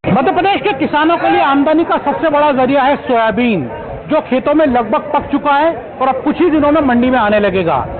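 A man's voice: very high voice, lively intonation, normal speed. A man reporting for TV news from a grain market, interviewing farmers with a handheld mic. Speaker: field reporter. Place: busy grain market shed, outdoors. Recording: phone-like narrow sound, crowd behind.

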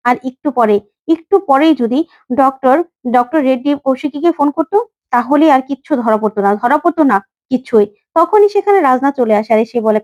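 A woman's voice: high voice, a little mellow. A woman retelling a TV serial episode, voicing each character's lines in her own voice.

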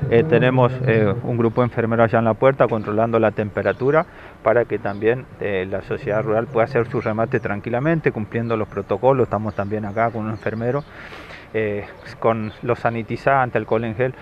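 An Argentine man in his thirties explains things in an interview, haltingly and through a face mask. The recording is a little dull, with faint outdoor noise. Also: lowish voice, fairly even intonation. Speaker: health worker interviewee. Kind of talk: interview answer. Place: outdoors under trees at fairground. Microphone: handheld interview microphone.

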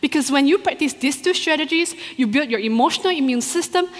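A woman doctoral researcher giving a rehearsed competition talk to a live audience in a large hall, expressive and full of rhetorical questions. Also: high-pitched, quick pace. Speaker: doctoral researcher presenting her thesis. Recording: long hall reverb.

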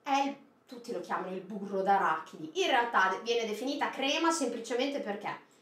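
A woman in her thirties unboxes a food box on a small indoor studio set stacked with produce crates, addressing viewers directly, posing questions and offering recipe tips. Her medium-pitched voice is expressive, brisk and fairly bright, and the room sounds echoey.

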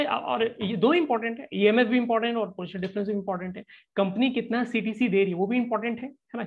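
Chatty teacher on a dull stream. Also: medium pitch. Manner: conversational explaining with frequent checking-in tags. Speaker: physics teacher. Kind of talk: live online class lecture.

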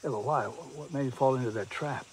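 A man's voice: mid-range voice, fast, slight background noise, natural voice. An actor in his seventies playing a wise, firm, folksy golf mentor in a film, speaking plainly and instructively. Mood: probing, calm. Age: 70s. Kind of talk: naturalistic film acting.

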